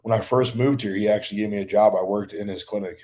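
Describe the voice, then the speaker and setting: Low, flat-voiced young man. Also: fast. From Baltimore, Maryland. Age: 20s. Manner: laid-back, slangy, rambling with restarts. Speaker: guest bodybuilder. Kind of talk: casual podcast chat.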